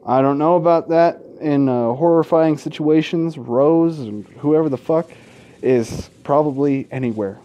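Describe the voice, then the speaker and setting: In a lo-fi recording, a man with a slightly high, slightly slow voice hosts a let's play. He's informal and sweary, mixing casual gaming commentary and asides with game text he reads aloud.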